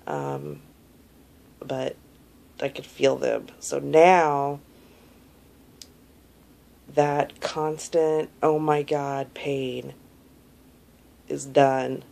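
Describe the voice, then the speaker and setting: A woman in her thirties with a gravelly, sore-throated voice, giving a casual, low-energy video diary update while lying down. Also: expressive, very slow, pauses often, warm tone. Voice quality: gravelly, creaky. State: sore throat while recovering from tonsil surgery. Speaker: vlogger giving a surgery recovery update. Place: small indoor room, lying in bed. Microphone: phone held at arm's length.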